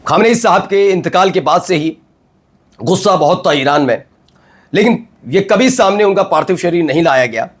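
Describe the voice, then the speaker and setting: A man hosting a news commentary show, emphatic and full of rhetorical questions and drawn-out pauses. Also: sits high, expressive. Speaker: news anchor.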